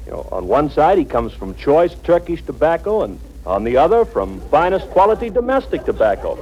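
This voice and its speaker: A man's voice: fairly high pitch, sing-song, fairly quick, dull audio, soft background music. An actor playing an earnest, gullible, dreamy young man in a 1930s radio comedy skit, hesitant, stammering and gushing. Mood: gushing admiration. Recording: noisy vintage 1930s radio broadcast.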